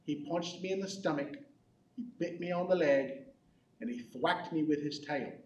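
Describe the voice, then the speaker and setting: A man playing a goofy, bumbling croc-hunting adventurer for a kids' comedy skit, rambling with deadpan jokes. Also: fairly high pitch, normal speed, highs cut off, a little hiss or hum, natural voice. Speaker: children's ministry skit character. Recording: echoey hall from far off.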